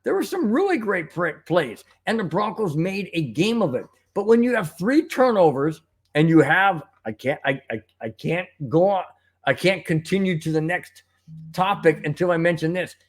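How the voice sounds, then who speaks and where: A man talks casually to his viewers as host of a sports fan show. His voice sits slightly high and moves a lot, rising and falling as he asks question after rhetorical question. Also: moderate pace, husky. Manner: animated, rhetorical questions, frustrated.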